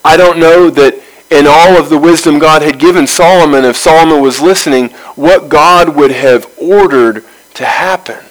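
A man's voice: fairly high pitch, normal speed, hardly any pauses, poor audio. Man teaching a Bible study. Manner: reads scripture aloud, then explains it verse by verse.

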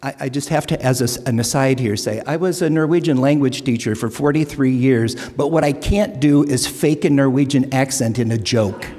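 A man's voice: medium pitch, normal speed, few pauses, warm tone. An older man speaking to his congregation about the pledge drive, telling folksy stories with self-deprecating asides. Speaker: lay speaker for stewardship drive. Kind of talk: humorous church announcement with jokes. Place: church sanctuary. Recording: long church reverb.

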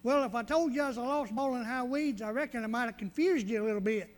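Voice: mid-range voice, fast talker, big-room sound, close to an everyday voice. A performer playing a bumbling, good-natured country shepherd in a nativity skit, speaking in a rural Southern US drawl full of homespun sayings. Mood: folksy.

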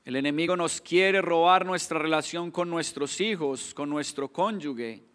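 A Colombian preacher in his thirties delivers an earnest sermon in a high, slightly bright voice at a somewhat slow pace. He stumbles and repeats words before pressing into pointed questions, and a long church-hall reverb trails his speech.

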